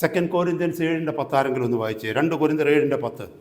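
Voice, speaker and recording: A male pastor preaching a sermon, swinging from quiet talk to loud rising exhortation and slipping slow English phrases into his preaching. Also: a little high. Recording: echoey hall sound.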